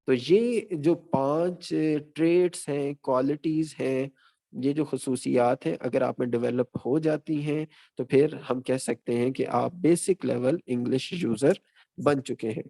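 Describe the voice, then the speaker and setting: A man giving an online teaching session as a guest lecturer, speaking in a measured, explanatory way and recapping his points one by one. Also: mid-range voice, vocal fry, dark tone.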